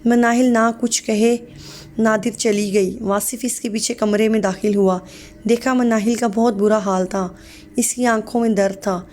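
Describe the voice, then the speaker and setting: A woman's voice: a little high, steady tone, darkish tone, a little hiss or hum. A woman reading a sad story aloud as scripted narration, voicing every part in one plain voice.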